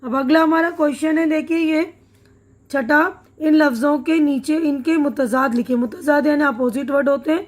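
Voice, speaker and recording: A woman's voice: sits high, steady tone. A woman teacher working through a textbook chapter, patiently explaining each word with simple glosses and checking questions. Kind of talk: reading through a textbook lesson.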